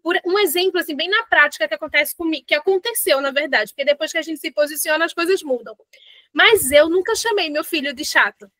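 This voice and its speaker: Bright high-voiced woman. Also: fast talker, dry recording. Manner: animated, uses fillers like "né" and "assim", reads quotes aloud. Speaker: parent educator hosting a book club. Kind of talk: casual reflective talk with read-aloud passages.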